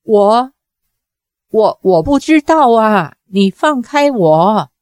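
A woman's voice: fairly high pitch, animated, takes it slowly, a little mellow, no room sound, studio quality. A frightened simple-minded girl, voiced by a woman narrator.

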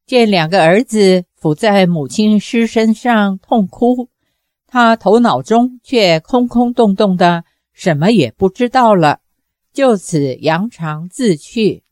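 一位女性朗读者，以从容而富有戏剧感的方式讲述武侠小说。. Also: female voice, mid-range voice, darkish tone, dry recording, studio quality. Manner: measured, dramatic storytelling. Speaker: narrator. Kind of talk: audiobook narration.

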